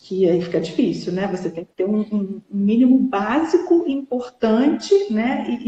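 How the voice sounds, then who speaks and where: A woman's voice: fairly high pitch, mellow. A woman hosting a casual live chat, talking earnestly with many fillers and restarts. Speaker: host. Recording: dull lo-fi echoey room.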